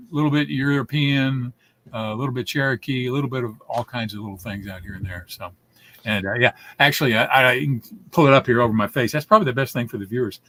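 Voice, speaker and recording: A man's voice: mid-range voice, fairly bright tone. A man in his seventies, a guest telling stories in a casual interview, rambling with many restarts. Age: 70s.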